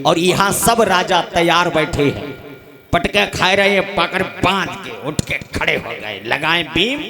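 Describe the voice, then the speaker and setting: A man's voice: sits high, expressive, a little slow. A man, giving a folksy devotional scripture discourse to a gathering at an ashram and addressing the crowd directly. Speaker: kathavachak preacher. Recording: background music under the voice.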